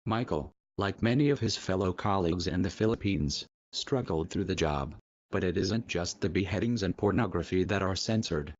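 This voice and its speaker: A man reading a scripted protest message in a solemn, measured, declamatory way, his voice disguised and artificially deepened. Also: no echo, muffled recording.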